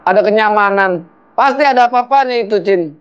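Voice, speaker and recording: Speaking a little fast in a high, clean, natural voice, a man acts the role of an enraged middle-aged father in a low-budget film. He confronts and scolds his son-in-law relentlessly, and the recording has its highs cut off.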